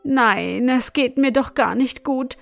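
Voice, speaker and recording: A woman's voice: high voice, slow, creaky, no room sound, soft background music, full character voice. A woman voicing a fretful older councillor. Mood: plaintive. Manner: complaining, plaintive. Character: fretful bewildered older male judicial councillor.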